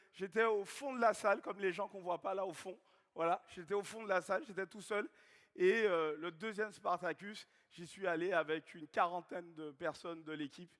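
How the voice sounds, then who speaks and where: Man from guadeloupe, 30s, high voice, energetic stage speaker, long hall reverb. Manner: energetic, questions and calls out to the audience. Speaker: seminar speaker. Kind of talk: motivational stage talk. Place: large hall with live audience.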